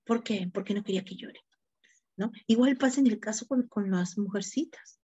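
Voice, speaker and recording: A woman's voice: mid-range voice, moderate pace, dark tone, breathy edge, muffled recording. A woman teacher with a Peruvian accent, lecturing her class, often asking tag questions and repeating words as she goes. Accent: Peruvian Spanish.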